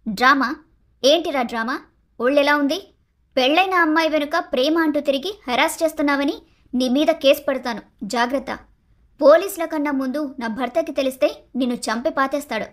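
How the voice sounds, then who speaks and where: Cartoon story: a woman as a blunt, scolding young wife, high voice. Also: fairly quick, natural voice. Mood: angry. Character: young married woman, sharp-tongued and feisty. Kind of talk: Telugu storybook cartoon dialogue.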